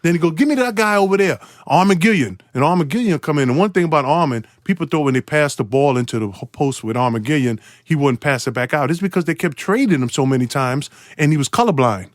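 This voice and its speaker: A man in his forties tells a lively, playful story as a podcast guest. He breaks into laughter often and leaps up into high, excited voices at the peaks. His voice sits at an ordinary pitch and is recorded dry and close, with no room around it. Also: quick pace, few pauses, no room sound. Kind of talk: animated storytelling.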